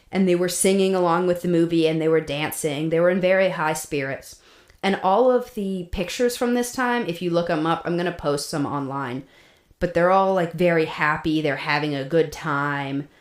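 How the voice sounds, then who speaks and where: A woman co-hosting a podcast, telling the story in a casual, chatty way with fillers and laughs. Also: fairly low pitch. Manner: chatty, laughs often, many fillers and restarts. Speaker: podcast co-host. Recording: roomy echo.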